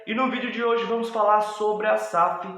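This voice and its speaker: A man's voice: high voice, fairly even intonation, a bit bright. A man with a Brazilian Portuguese accent hosting a fan channel, giving casual news commentary with lots of hesitant fillers. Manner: hesitant, many drawn-out fillers. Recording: very echoey room.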